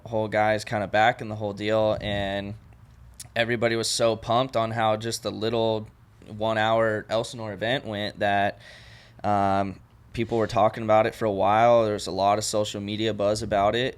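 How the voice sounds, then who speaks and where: A man's voice: fairly low pitch, smooth. A young man talking casually as a podcast guest, loose and rambling with lots of fillers. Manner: relaxed, rambling with many fillers. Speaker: podcast guest and event organizer.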